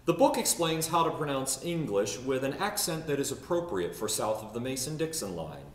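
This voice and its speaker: Lively-voiced priest giving a homily. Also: male voice, mid-range voice, reverberant, distant mic. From not from the South of the United States. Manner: storytelling with mimicked quotes and drawn-out words.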